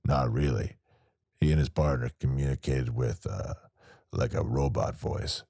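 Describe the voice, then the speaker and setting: A man doing a gravelly, sneering crook. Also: extremely low pitch, unhurried, mellow, no room sound, clean studio sound, voice pushed down, exaggerated voice. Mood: defensive. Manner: swearing, sneering, threatening. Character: crude menacing male small-time criminal. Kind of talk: audiobook character voice.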